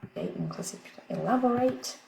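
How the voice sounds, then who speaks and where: A woman teaching English pronunciation in a recorded online lesson, thinking aloud with many pauses as she searches for words. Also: a little high, wildly swooping pitch, vocal fry, warm tone. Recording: echoey room, faint background noise.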